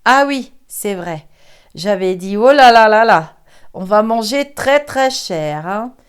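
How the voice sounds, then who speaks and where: A woman's voice: mid-range voice, animated, slow pace, smooth. A woman, older, giving a chatty psychic card reading, laughing often and sometimes dropping to a whisper. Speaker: psychic reader. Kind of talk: casual tarot reading chat.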